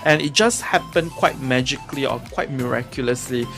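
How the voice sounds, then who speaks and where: A man in a relaxed podcast conversation, thinking aloud about his own creative work. He speaks reflectively, leans on fillers and restarts, and keeps a middle pitch. Faint music runs underneath. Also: moderate pace. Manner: reflective, searching for words with many fillers. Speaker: podcast co-host, playwright.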